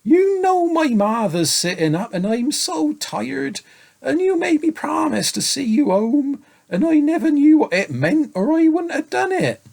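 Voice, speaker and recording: A man voicing a tired, tearful little boy who pleads and sobs in a piteous, drawn-out way. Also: very high-pitched, very animated, gravelly, darkish tone, pitched above the performer's own voice, exaggerated voice. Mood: pleading.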